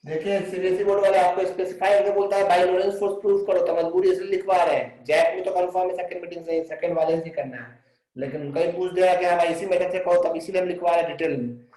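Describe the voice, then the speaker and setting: A male physics teacher giving a live online class, dictating slowly while writing on a board. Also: high voice, steady tone, mellow. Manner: dictates slowly, mixing Hindi and English. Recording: very echoey room, distant mic.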